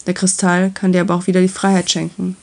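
A woman voicing a calm, patient enchanted lizard in a storybook reading, speaking softly and matter-of-factly. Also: on the low side, quick pace, creaky. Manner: soft, gentle and matter-of-fact.

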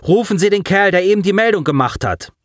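A man's voice: high voice, very animated, moderate pace, a bit bright, no echo, clean studio sound, pitched above the performer's own voice. A man voicing a ruthless female starship commander who barks curt orders in an audiobook. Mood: commanding.

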